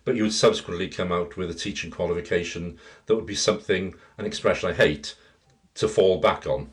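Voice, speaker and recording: A middle-aged Welsh man with a rich, low voice speaks briskly as a guest in an interview. He is a theatre practitioner and teacher, and he reminisces as he talks.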